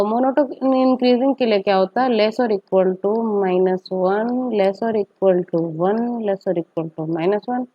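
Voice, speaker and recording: A woman teacher talks through a maths lesson at the board, one step at a time, often pausing to ask her class rhetorical questions. Her voice sits a little high. The recording sounds dull and lo-fi. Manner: explains step by step with frequent rhetorical questions and "okay". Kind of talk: whiteboard maths lecture.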